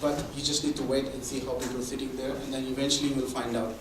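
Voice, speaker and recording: At a mentoring event in a meeting room or hall, a man gives a conversational presentation, explaining through examples and restarting often. His mid-range voice is flat and fast. The recording is echoey and distant, with a noisy background.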